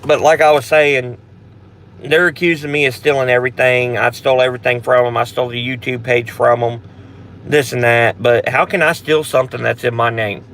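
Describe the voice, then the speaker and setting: A man's voice: mid-range voice, steady tone, a little fast, fairly bright tone. A man hosting a casual live Q&A for a paranormal channel, talking in a rambling, blunt way with frequent restarts and some swearing.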